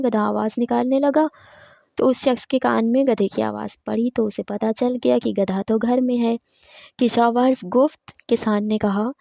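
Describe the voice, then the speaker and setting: A woman teaching Farsi with a Pakistani Urdu accent, reading Farsi lines slowly and then explaining them in a brisker, chatty way. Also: fairly high pitch, gravelly, dark tone, no room sound, dull audio.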